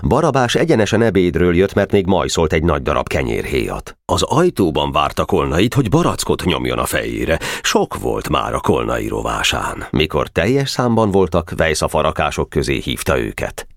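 Deep expressive male audiobook narrator. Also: vocal fry, hardly any pauses, no room sound, studio quality. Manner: expressive storytelling. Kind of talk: audiobook reading.

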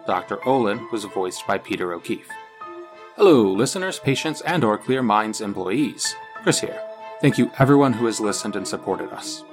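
A man, the show's creator, reading credits and a grateful outro. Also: on the low side. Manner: friendly, grateful. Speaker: podcast creator.

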